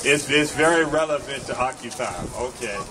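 At an outdoor park gathering, a middle-aged man with a mid-range voice reads a children's story in verse aloud, measured and deliberate. The sound comes from a camera near his stand-mounted microphone, recorded from a distance and marked by wind and traffic noise.

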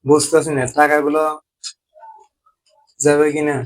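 A man's voice: fairly high pitch, completely flat delivery, a little slow. A man casually hosting a challenge vlog, talking to a friend and to viewers. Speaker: host of a food challenge video.

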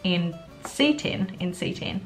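A woman's voice: fairly low pitch, expressive, slow. Young woman vlogger, stuffed-up and unwell. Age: young adult. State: congested with a cold, feeling groggy and unwell. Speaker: beauty vlogger. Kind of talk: chatty get-ready-with-me makeup tutorial. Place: furnished living room at home, indoors. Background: background music.

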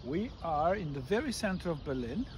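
A man's voice: on the high side, sing-song, brisk. A middle-aged man explaining things to a child in simple, repeated phrases, as an informal guide. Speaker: father and guide. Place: outdoors on a city street. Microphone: phone camera a step or two away. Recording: outdoor phone recording, clear ambient noise.

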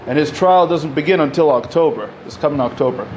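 Speaking briskly in a higher, darkish voice, the Egyptian man in his thirties talks casually from the podium mic at a community center panel, peppering his words with "you know" and "like" and gesturing as he goes. The audio is poor, with slight background noise.

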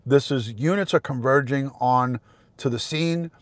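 A man's voice: medium pitch, a little slow, no echo. A man in his fifties hosting a casual livestream commentary from inside a car, often repeating himself. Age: 50s. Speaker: host, retired police detective.

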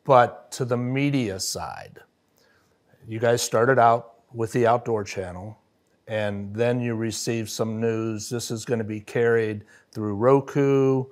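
A middle-aged man hosting a studio podcast, easygoing and affirming as he leads the conversation on a boom-arm mic. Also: slow. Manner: affirming, easygoing, laughs often. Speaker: podcast host. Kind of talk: casual interview chat. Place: wood-paneled podcast studio.

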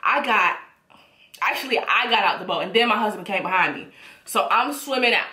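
A woman telling a story casually, animated and laughing as she goes, swearing freely. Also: medium pitch, a little fast, roomy sound. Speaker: storytelling vlogger.

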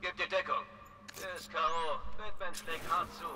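Ein Schauspieler spielt in einem Videospiel einen angespannten bewaffneten Handlanger, der kurze Rufe ausstößt. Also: male voice, a little high, fairly even intonation, moderate pace, natural voice. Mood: wary, grumbling. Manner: short barked callouts. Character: tense male armed henchman, aggressive and jittery. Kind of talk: game combat barks. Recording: distant, faint noise.

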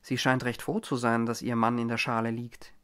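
A man's voice: mid-range voice, level tone, moderate pace, a bit bright, clear, resonant tone, lightly acted. A man reading an audiobook, voicing an uneasy middle-aged doctor who speaks with restrained, polite insistence. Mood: wary musing.

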